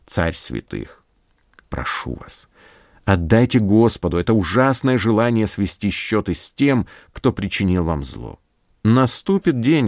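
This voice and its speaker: Male preacher, low voice, solemn scripted sermon with lively intonation. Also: no echo, studio quality. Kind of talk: scripted radio sermon reading.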